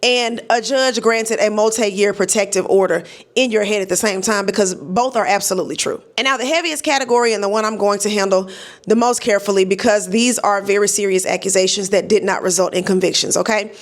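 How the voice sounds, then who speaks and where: A woman's voice: mid-range voice, brisk. An American woman delivering opinionated exposé commentary straight to her audience, emphatic and colloquial, with sardonic asides and frequent check-in tags. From United States. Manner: emphatic and direct, often punctuating points with "okay?".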